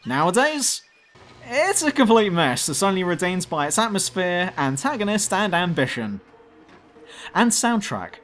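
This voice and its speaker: A man's voice: sits high, sing-song, unhurried, a bit bright. A man narrating a scripted video game review as host, blunt and sardonic.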